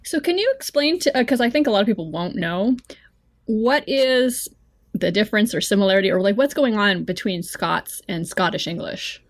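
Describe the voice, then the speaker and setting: A woman's voice: medium pitch, animated, moderate pace. A woman chatting casually as an interviewer, putting in comments and questions.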